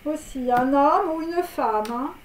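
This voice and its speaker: A woman's voice: high voice, slow, roomy sound, slight background noise. A woman giving a casual tarot reading, rambling with many fillers and tag words and giggling at her own jokes. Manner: rambling, heavy on fillers and tags. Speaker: tarot card reader.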